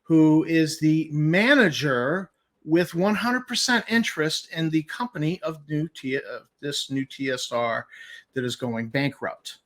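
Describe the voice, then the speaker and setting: A man with a moderately high-pitched voice talks through a document in an informal commentary style. He stresses and repeats key points. His tone is skeptical and incredulous. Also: a little slow, a bit bright. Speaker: commentator host.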